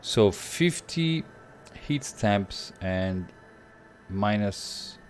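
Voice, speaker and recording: Playing a strategy game on stream, the young Portuguese man talks through his moves in a Portuguese accent and chats with his audience. His low voice has lively intonation and drawn-out words, with a little hiss or hum audible.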